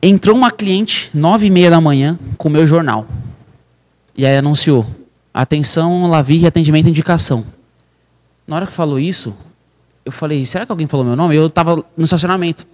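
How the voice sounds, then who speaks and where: A man, his voice sitting a little high for a man, tells his life story on a podcast. He speaks with intense, fervent emphasis and keeps turning to his listener as a brother. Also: brisk, a little mellow. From Brazil. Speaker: real estate broker, podcast guest. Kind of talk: emotional personal storytelling.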